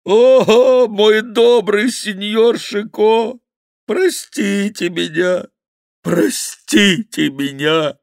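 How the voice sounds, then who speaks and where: A man voicing a fat, cowardly male monk who wails and pleads loudly, in a high, drawn-out voice in an audiobook. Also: vocal fry, dry recording, studio quality, exaggerated voice. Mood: wailing. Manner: wailing, pleading, loud lamenting.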